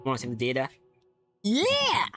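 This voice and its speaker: A man's voice: fairly low pitch, expressive, moderate pace, sharp tone. A man hosting a livestream, joking and reacting as he plays a game and reads its text aloud. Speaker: livestream host. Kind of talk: casual gaming commentary. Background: game music.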